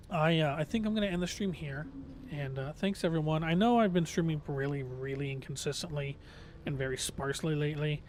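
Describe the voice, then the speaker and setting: Guy streaming a game, kinda high reedy tired voice, earnest casual rambling, some rumbly noise. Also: normal speed, darkish tone. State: slightly strained, tired voice from long talking. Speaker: game livestreamer, host. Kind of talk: casual livestream chat.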